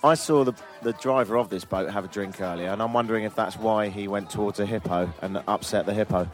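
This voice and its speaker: A man's voice: lowish voice, fast. Man, wry and dry, travel vlog host, outdoors on a boat, faint music behind. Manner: dry, wry and self-deprecating. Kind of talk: casual travel chat.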